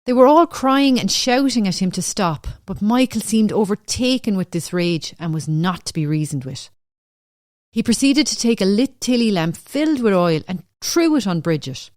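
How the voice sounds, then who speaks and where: A woman giving a measured, solemn scripted true-crime narration for a podcast. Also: mid-range voice, expressive, darkish tone, dry recording, clean studio sound.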